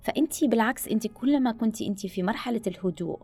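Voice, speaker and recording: Fast-talking woman with gravelly voice. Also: on the high side, soft background music. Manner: animated advice-giving, mixes in English phrases. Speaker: guest speaker on listening skills. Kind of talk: podcast conversation.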